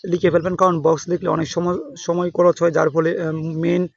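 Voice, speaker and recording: Halting young man tutoring, high voice. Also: little pitch movement, vocal fry, no room sound. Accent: Bangladeshi Bengali. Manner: halting, many fillers and restarts. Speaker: exam tutor. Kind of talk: informal exam-prep lesson. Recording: dull dry close recording.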